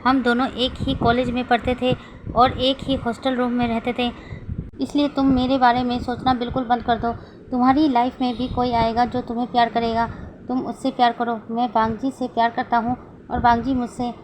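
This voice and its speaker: A woman's voice: fairly high pitch, flat delivery, fairly quick, background noise, lightly acted. A woman voicing a hot-tempered young father who scolds his sons in a snappy way, in a read-aloud story. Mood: earnest.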